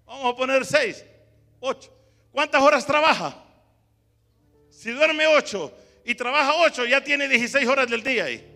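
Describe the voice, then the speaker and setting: High, bright-voiced preaching man. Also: animated, normal speed, long pauses, long reverb tail, faint music behind. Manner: emphatic, rising to shouts, calls to the audience. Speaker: pastor. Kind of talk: sermon. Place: church.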